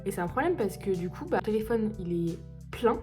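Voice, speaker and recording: A young woman from France chatting casually to camera in a personal vlog, excited and full of fillers. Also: mid-range voice, a little fast, music in the background. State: just woken up, tired. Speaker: vlogger.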